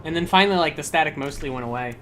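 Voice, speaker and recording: A man's voice: on the high side, very fast, fairly bright tone, slight background noise. A young man chatting casually while playing a card game, telling a long story with lots of fillers and restarts. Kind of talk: casual let's-play chat.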